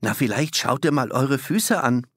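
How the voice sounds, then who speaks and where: A man's voice: medium pitch, expressive, moderate pace, a bit bright, husky, no room sound, voice pushed up. A man voicing a thoughtful boy who talks like a police inspector in an audiobook. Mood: decisive. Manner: earnest, decisive.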